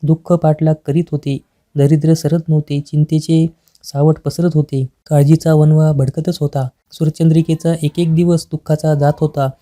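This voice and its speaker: Female storyteller, very dark mellow tone, flat steady delivery, devotional tale narration. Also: sits low, moderate pace.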